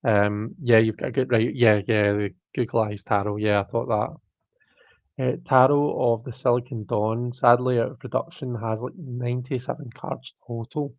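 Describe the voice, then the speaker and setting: A man's voice: medium pitch, steady tone, normal speed, dry recording, lo-fi sound. Chatty man hosting a tarot stream. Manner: chatty, self-mocking, reads out viewer comments. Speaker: tarot reader and livestream host. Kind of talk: casual live-stream chat.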